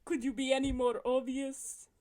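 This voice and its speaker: A woman's voice: sits high, level tone, moderate pace, darkish tone, natural voice. A woman playing a bartender who is secretly a Soviet agent, polite at first and then commanding. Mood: conspiratorial. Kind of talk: audio drama acting.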